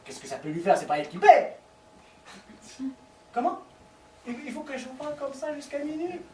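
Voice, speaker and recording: Here the actor's voice is very high-pitched and very animated, moving at a normal speed as he plays a lovesick man begging his lover on the phone. It's a live comedy performance, delivered theatrically with stammering and a pleading mood, picked up from far off on an echoey stage.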